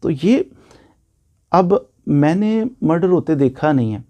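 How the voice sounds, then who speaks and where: Lecturing informally on law, a man with a Pakistani accent explains by repetition and by posing questions he answers himself. He speaks slowly in a dark, slightly high voice with lively intonation.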